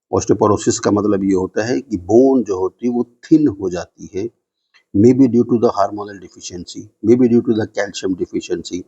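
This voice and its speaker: Husky guy lecturing nursing class, dull lo-fi sound, keeps asking n answering his own questions. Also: lowish voice, mellow. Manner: explains in Hindi, reads English definitions slowly, asks and answers his own questions. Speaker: nursing teacher.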